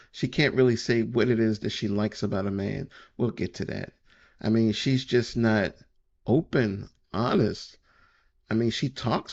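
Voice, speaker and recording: A man's voice: medium pitch, gravelly, a little mellow, lo-fi sound. A man giving casual reaction commentary, opinionated and repeating his points.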